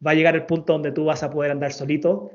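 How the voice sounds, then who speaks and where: A man in his thirties speaks as an interview guest, a storytelling coach who tells a personal story earnestly. He repeats words for emphasis, in a fairly high voice. The sound is dull and lo-fi. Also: flat delivery, fast talker.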